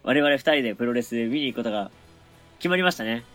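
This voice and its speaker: Animated man chatting easily. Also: medium pitch, quick pace, soft background music. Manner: chatty, easygoing storytelling. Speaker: podcast co-host. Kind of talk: casual podcast chat.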